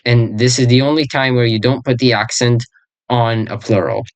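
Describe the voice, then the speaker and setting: A person giving a casual lesson on an invented language, rambling, searching for words and correcting themselves, and repeating words slowly. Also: mid-range voice, fairly even intonation, no room sound.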